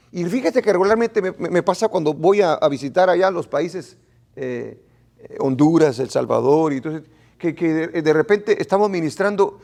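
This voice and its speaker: A man preaches a sermon in a high, gravelly voice with a lot of fry. He speaks in an animated way to his congregation and often repeats or restarts words as he goes. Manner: animated, acts out what his congregation says. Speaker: pastor.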